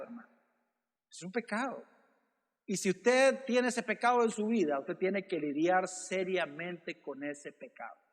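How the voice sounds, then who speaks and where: A man's voice: high voice, big-room sound. A male pastor preaching a sermon, calling out "brother" and asking rhetorical questions. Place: church.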